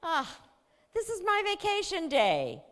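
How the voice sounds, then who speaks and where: A woman's voice: very high-pitched, wildly swooping pitch, slow pace, fairly bright tone, voice pushed up, heavily acted. A woman voicing an angry sixteen-year-old girl who protests in a raised, whiny voice. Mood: indignant. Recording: long hall reverb.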